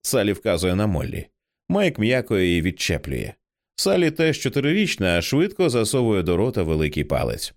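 Expressive man reading an audiobook. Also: lowish voice, brisk. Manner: expressive, acts out each character. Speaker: audiobook reader. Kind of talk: dramatic audiobook narration.

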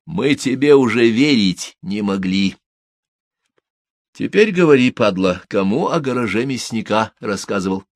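Man voicing a gravelly gang boss in an audiobook, slow, threatening, dry close sound. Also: fairly low pitch, lively intonation, no echo. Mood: menacing. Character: menacing middle-aged male gang boss.

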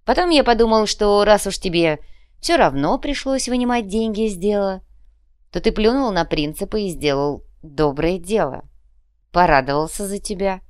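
A woman's voice: medium pitch, animated, normal speed, a little mellow, clean tone, no room sound, studio quality, natural voice. A woman voicing a smug, clever male sorcerer in an audiobook, who explains things in an easy, amused way.

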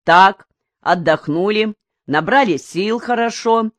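A woman's voice: low-pitched, lively intonation, unhurried, no echo. A woman voicing an adult male work-crew foreman who drags his words out and speaks curtly, in a storybook reading. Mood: drawling. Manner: drawls words out.

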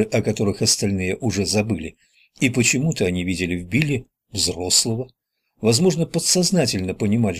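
A man reading an audiobook in measured, even storytelling narration. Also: fairly low pitch, breathy edge. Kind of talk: scripted narration.

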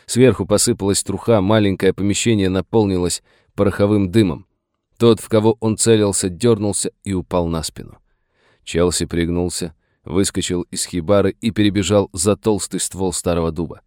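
A man narrating an adventure novel in a measured storytelling manner. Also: sits low, darkish tone, dry recording, studio quality. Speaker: audiobook narrator. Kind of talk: scripted narration.

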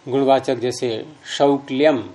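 A man's voice: mid-range voice, level tone, a little slow, mellow. A man teaching Sanskrit grammar, patiently explaining rules step by step with examples and repeating key terms.

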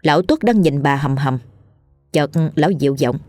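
Low-voiced woman narrating a story. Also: normal speed, warm tone, dry recording, faint music behind. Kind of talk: scripted ghost story narration.

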